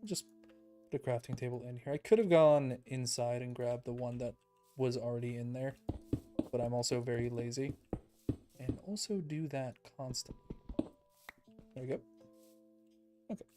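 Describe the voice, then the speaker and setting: A man casually commenting on his own gameplay as a streamer, relaxed and self-deprecating, thinking out loud and a little out of breath. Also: mid-range voice, moderate pace, pauses often. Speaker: let's play streamer. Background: background music.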